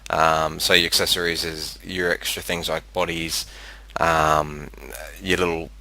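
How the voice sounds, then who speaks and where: An Australian man giving a casual, rambling game commentary with halting speech, recorded on a cheap, slightly crackly headset microphone. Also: extremely low pitch, flat delivery, sharp tone. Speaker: video game presenter. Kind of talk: casual screen-capture commentary. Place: room with a fan running.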